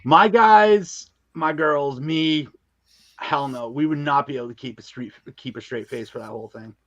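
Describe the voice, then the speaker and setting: A man with a fairly high, slightly bright voice talks at a moderate pace as a guest on a casual podcast, discussing his work creating and narrating audio dramas. He uses slangy, emphatic language and repeats himself, and the dry recording has its highs cut off.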